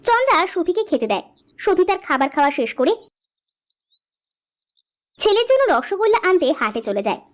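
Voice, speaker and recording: A woman narrating a cartoon story in a plain, steady storybook style. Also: very high voice, brisk, pauses often.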